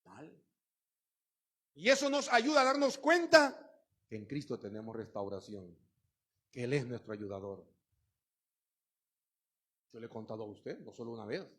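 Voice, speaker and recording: A middle-aged man preaching a sermon, emphatic and swinging between loud outbursts and hushed asides. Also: medium pitch, very animated, moderate pace, long pauses, husky.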